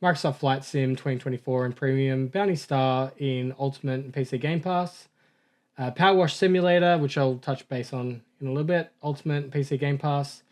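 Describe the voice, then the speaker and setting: A man co-hosting a gaming podcast in casual chat, upbeat and joking, briskly reading through lists of game updates. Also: medium pitch, darkish tone. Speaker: podcast co-host reading news.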